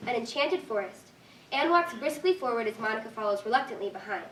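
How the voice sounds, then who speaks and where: Reading scripted stage directions, a woman speaks briskly in a fairly high, fairly bright voice with lively intonation. The room echoes, she seems set back from the microphone, and there is faint background noise.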